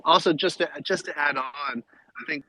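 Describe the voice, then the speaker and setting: A man's voice: fairly high pitch, fairly even intonation, normal speed, pushed and bright, dry recording, poor audio. A man talking on an online call whose connection keeps dropping out, so his voice fades and breaks up. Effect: voice cutting out on a patchy online call. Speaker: project co-founder on a community call. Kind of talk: casual call chat.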